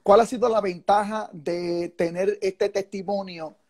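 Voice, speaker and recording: A man's voice: high-pitched, steady tone, unhurried. A man hosting a live faith program, preaching and then interviewing a guest, with fervent exclamations of praise woven into his speech. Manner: fervent, sprinkled with "gloria al Señor" and "aleluya". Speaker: host and preacher.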